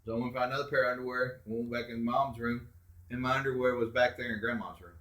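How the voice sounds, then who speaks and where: A middle-aged man tells his family's ghost stories in casual chat. His voice is bright and sharp, and the room gives it a noticeable echo. He gets animated and loud whenever he acts out what people said. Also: mid-range voice, fast. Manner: animated, acts out quotes loudly. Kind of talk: casual storytelling.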